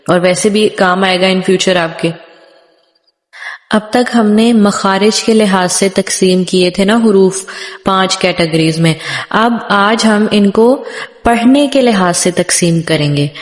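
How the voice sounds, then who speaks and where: A woman teaching a tajweed lesson, patiently explaining how letters are said and modeling each sound slowly, again and again. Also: medium pitch. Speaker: Quran recitation teacher. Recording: echoey room with long reverb.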